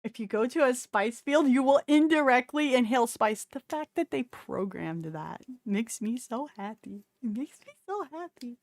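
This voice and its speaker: A woman's voice: fairly high pitch, lively intonation, normal speed, few pauses, darkish tone, no room sound. A woman streaming, reacting to a game developer stream with chatty, playful commentary and frequent laughter.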